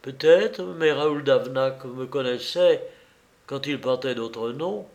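A man voicing an excitable, chummy police sergeant on the phone in an audiobook reading. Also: mid-range voice, takes it slowly. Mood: insistent.

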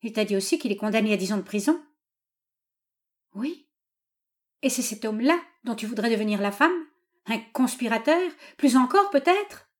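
A woman's voice: animated, normal speed, long pauses, close to an everyday voice. A woman reading a novel aloud, voicing an old father who pleads with his daughter and then rages at her suitor. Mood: accusing. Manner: pleading then furious, raised and high. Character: doting, tyrannical old father, quick to rage.

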